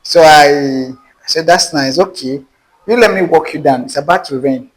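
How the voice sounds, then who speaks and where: A man with a Nigerian accent, pitched on the high side and speaking at a moderate pace, appears as an interview guest. He animatedly narrates a dating story of his own and acts out the dialogue, and the recording is rough.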